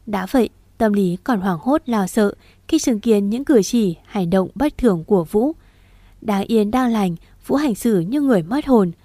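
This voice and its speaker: A woman narrating a story as an audiobook in an even, steady manner. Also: mid-range voice, dry recording.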